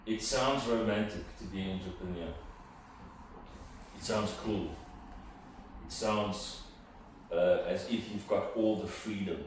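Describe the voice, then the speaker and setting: In an echoey room, a deep-voiced man who speaks Afrikaans as his first language reflects on interview questions as an entrepreneur. He is thoughtful but halting, using fillers and restarting, and the distant mic picks up a roomy sound with room noise.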